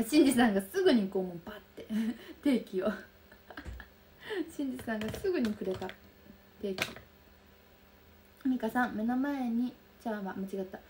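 Young woman, soft Kansai accent, livestream chat, fairly high voice, faint hiss behind. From Kansai region of Japan. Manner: soft, bubbly, chatty with frequent laughs. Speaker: livestream host. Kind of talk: casual livestream chat reading viewer comments. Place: room lit by daylight.

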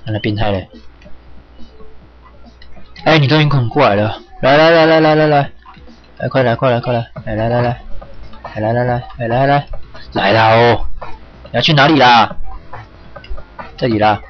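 A man's voice: medium pitch, moderate pace, long pauses. A man doing casual, cursing commentary while he plays a game, urging characters along. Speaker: gaming streamer. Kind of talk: live gameplay commentary. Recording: dull lo-fi with loud game music. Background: game music.

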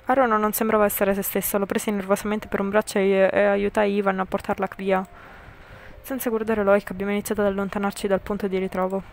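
A woman's voice: mid-range voice, level tone, fast, creaky, slight background noise. A woman narrating and reading all the parts of a story game in an amateur fan voice-over. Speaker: narrator and reader.

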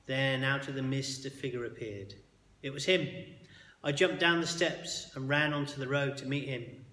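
A man reading a children's book aloud as a bedtime story, expressive and sometimes dropping to a hush. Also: mid-range voice, normal speed. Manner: expressive, with hushed quiet passages. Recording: echoey hall with long reverb.

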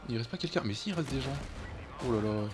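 A man's voice: medium pitch, animated, fast talker. A man streaming a co-op game, chatting casually and swearing when things go wrong. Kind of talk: casual gaming chat.

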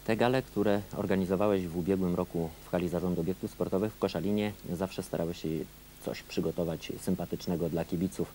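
A man's voice: sits low, fairly even intonation, fast, warm tone, a little hiss or hum. A man working as a TV sports reporter, asking long, leading questions in a local interview.

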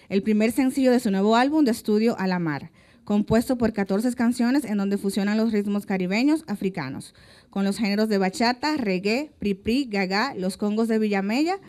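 A woman presenter reading a prepared biography aloud at a ceremony, formal and measured, into a handheld mic. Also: mid-range voice, darkish tone. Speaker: event presenter.

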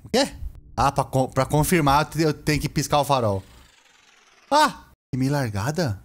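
A young man with a Brazilian accent giving casual, excitable gameplay commentary, full of slang, shouting and laughing at the game. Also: medium pitch, normal speed. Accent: Brazilian Portuguese. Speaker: gameplay streamer.

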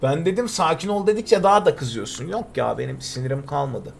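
This young gaming streamer's voice is fairly high and gravelly, his pace brisk, with a little hiss or hum present. Commentating a survival game live, he keeps up a chatty stream of self-talk and reads chat aloud, thanking viewers.

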